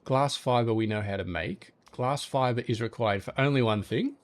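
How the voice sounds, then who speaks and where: A man's voice: medium pitch, moderate pace. Easygoing man thinking aloud. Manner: easygoing, thinking aloud, talks to game objects. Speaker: gaming channel host. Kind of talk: relaxed gameplay commentary.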